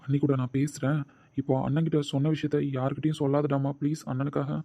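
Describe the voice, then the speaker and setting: A man's voice: a little high, level tone, quick pace, dark tone, no room sound. A man voicing a caring, protective older brother who coaxes and reassures his sister. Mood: coaxing. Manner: coaxing, reassuring, brooding when alone.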